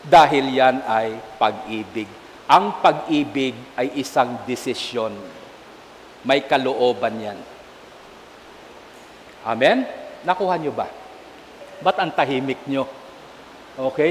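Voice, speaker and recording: High-voiced Filipino bishop preaching in a church. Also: male voice. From Philippines. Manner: animated storytelling, asks the congregation "Amen?". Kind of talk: sermon mixing Tagalog and English. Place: large church. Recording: long church reverb with faint hiss.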